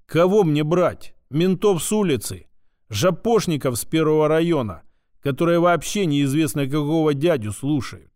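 A man's voice: fairly high pitch, animated, normal speed, a little mellow, dry recording, studio quality, lightly acted. A man voicing a fierce, foul-mouthed blonde woman commander who snarls and swears in exasperation. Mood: angry, bitter.

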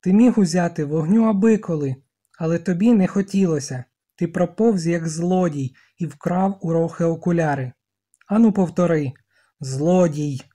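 A stubborn boy leader, as an audiobook reader puts him on, calling out in loud, emphatic bursts. The voice is mellow and slightly husky under the raised tone. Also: mid-range voice, expressive, moderate pace, hardly any pauses, close to an everyday voice. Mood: angry.

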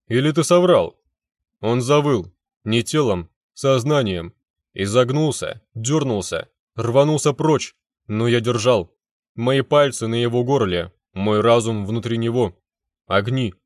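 Man, fantasy audiobook narrator, intense, dramatic, mid pitch, dry close sound. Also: darkish tone, no echo.

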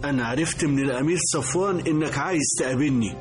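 A man's voice: fairly high pitch, rapid-fire, music in the background, lightly acted. A man playing a stern, principled king and father with an Egyptian accent in a radio drama. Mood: stern, probing.

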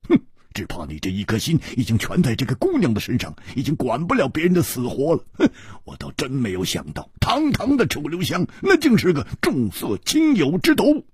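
A man's voice: a little high, wildly swooping pitch, brisk, slightly rough, no echo, studio quality, exaggerated voice. A man voicing a cold, proud young woman fighter who speaks with scorn. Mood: scornful.

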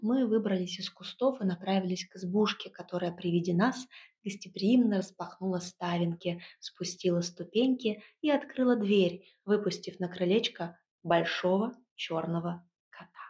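Woman reading a storybook out loud, wry and lively, kinda muffled lo-fi recording. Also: mid-range voice. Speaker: audiobook narrator. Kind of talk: first-person audiobook narration.

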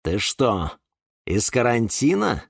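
A man's voice: medium pitch, huge pitch swings, slow pace, vocal fry, husky, no echo, clean studio sound, exaggerated voice. A man voicing a bossy, nosy female cactus who talks down dismissively in a storybook. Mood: scolding. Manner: dismissive, scolding.

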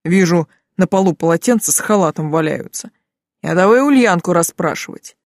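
A man narrating an audiobook in the first person, in a brisk, conversational way. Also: sits high, expressive, no echo, studio quality.

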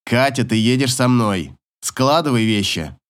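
A cold, spiteful middle-aged ex-husband in an audiobook, gruff and venomous, as a male narrator plays him. His lines rise and fall with a lively pitch. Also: a little slow, natural voice.

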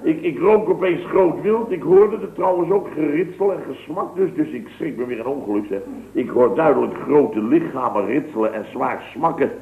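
In a tinny, hissy old radio broadcast with a roomy feel, a comic storyteller in a scripted sketch drily relates a wandering, mock-pompous hunting tale. His voice is a little high, with lively intonation and normal speed.

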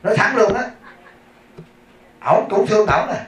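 Monk giving a casual dharma talk, laughing and questioning the audience. Slightly high male voice, picked up from far off in a very echoey room. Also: expressive, unhurried, fairly bright tone. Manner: chatty storytelling, laughs often, asks the audience questions. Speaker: Buddhist monk teacher.

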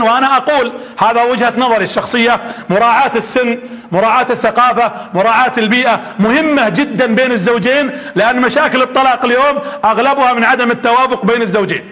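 High, fast, bright-voiced preacher. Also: male voice. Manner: animated storytelling, quizzing the audience. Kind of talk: sermon.

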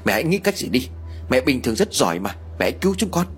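A man's voice: sing-song, fast, faint music behind, close to an everyday voice. A man reading an audio story, voicing a frightened young adult son begging his mother for help. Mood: pleading. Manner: pleading, rising to high pitch.

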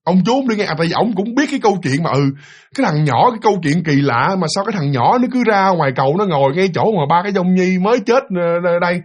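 A man telling a ghost story in casual spoken style, animated and addressing his listeners directly. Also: high voice, quick pace, breathy edge.

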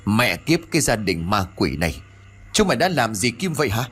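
A man voicing an angry young man who shouts bluntly. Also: fairly low pitch, big pitch swings, a little fast, slightly rough, heavily acted. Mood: furious.

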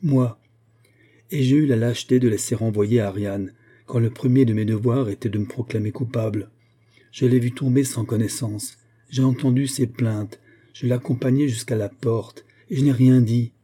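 A man's voice: medium pitch, fairly even intonation, normal speed, dark tone, husky, lightly acted. A man voicing a remorseful, indignant young noblewoman in an audiobook, pleading earnestly. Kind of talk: audiobook character voice.

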